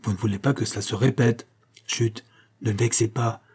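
A man voicing a shy, gentle young woman who speaks softly and timidly. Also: lowish voice, steady tone, normal speed, husky.

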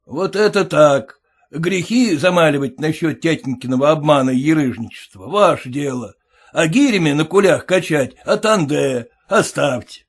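A man's voice: a little high, moderate pace, husky. A man voicing a sarcastic, quarrelsome young groom who mocks his new in-laws in a jeering, indignant way.

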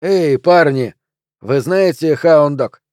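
A man's voice: a little high, slow pace, a little mellow, dry recording, clean studio sound. A man voicing a stout, middle-aged [name] impersonator who speaks earnestly in a raised voice. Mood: nervous.

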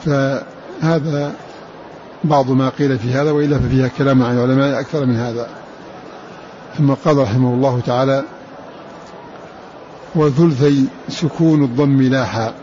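A man teaching the variant readings of the Quran, explaining slowly, repeating words and chanting verse lines. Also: medium pitch, level tone, warm tone, lo-fi sound, a little hiss or hum.

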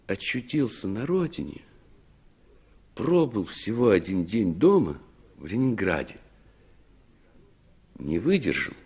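With a fairly low, slightly rough and heavily acted voice, an actor portrays a middle-aged one-time war commander. In 1960s radio drama fashion, he remembers his survival through unhurried, expressive pauses.

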